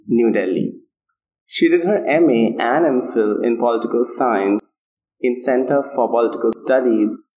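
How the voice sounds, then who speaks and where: A man hosting a podcast interview, asking questions in a friendly, halting way with fillers. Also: medium pitch, a little mellow, reverberant, low-quality recording. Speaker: podcast host. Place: on a university campus.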